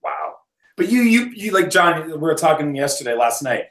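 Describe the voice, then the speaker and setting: A man's voice: fairly high pitch, very animated, moderate pace, a bit bright. Man, 30s, easygoing rambling host on a video call, echoey room sound. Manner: rambling, with restarts and laughs. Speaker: host of a mountain biking live stream. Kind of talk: casual chat on a video call.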